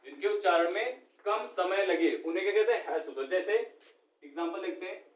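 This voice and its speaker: A man's voice: high-pitched, fairly quick. A man teaching a classroom lesson, asking questions and answering them himself. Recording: echoey room, far from the mic.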